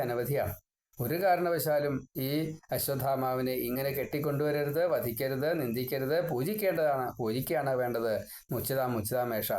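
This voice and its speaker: A man giving a devotional scripture discourse. He recites verse lines slowly and then explains each word, often repeating it. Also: medium pitch, darkish tone. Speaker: scripture teacher.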